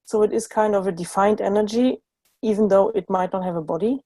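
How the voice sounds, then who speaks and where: A woman from Germany, a guest on an online talk, explaining things calmly and steadily. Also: medium pitch, brisk, no echo. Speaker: guest facilitator.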